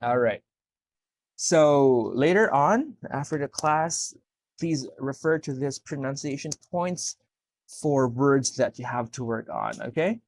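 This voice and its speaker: In a one-to-one English speaking lesson, a male tutor with a medium-pitched voice talks slowly and expressively. He explains each correction step by step, pausing to ask "okay?" to make sure the student follows.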